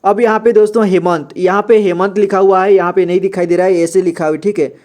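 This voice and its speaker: A young man teaching a reading lesson, spelling words out slowly syllable by syllable and often checking in with his listeners. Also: high voice, fairly even intonation, a little mellow. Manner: repeats "ठीक है" and "दोस्तों" often. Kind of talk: slow step-by-step reading lesson.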